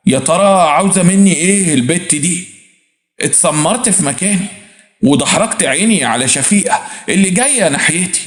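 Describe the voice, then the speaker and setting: A man with an Egyptian accent narrating a dramatic story in the first person, in an expressive, vivid colloquial way. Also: high-pitched, fairly quick. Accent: Egyptian Arabic. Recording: roomy echo.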